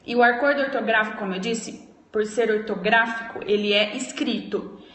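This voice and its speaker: A woman teaching spelling rules in a live stream. She explains things slowly and often checks in with her listeners. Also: fairly high pitch, fairly bright tone, reverberant, big-room sound, slight background noise. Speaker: Portuguese language teacher. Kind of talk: live-streamed grammar lesson.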